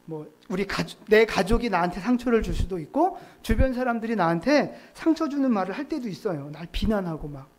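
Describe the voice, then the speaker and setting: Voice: mid-range voice, lively intonation, brisk, few pauses, slight background noise. A pastor giving a sermon in a conversational way, often asking the congregation rhetorical questions. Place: church sanctuary.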